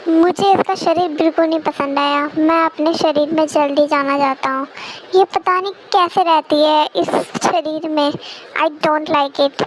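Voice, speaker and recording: A woman's voice: sits high, steady tone, measured pace, slight background noise, rough recording. A woman voicing a vain young man who panics and whines, in an amateur fan dub with music underneath. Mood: fretful. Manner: whiny, self-admiring, panicky. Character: vain young man stuck in a girl's body.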